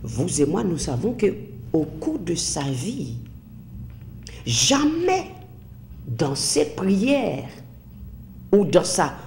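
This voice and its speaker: A woman's voice: lowish voice, very animated, drawn-out words, long pauses, darkish tone, slight background noise. A woman giving a Bible teaching sermon, guiding the congregation through verses and asking them many rhetorical questions. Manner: guides listeners through verses to underline.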